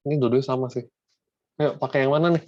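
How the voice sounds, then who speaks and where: A fast-talking man with a steady, darkish mid-range voice tutors math in a casual online lesson, slangy and mixing English math terms into his speech. It's captured over a video call, with dull lo-fi audio.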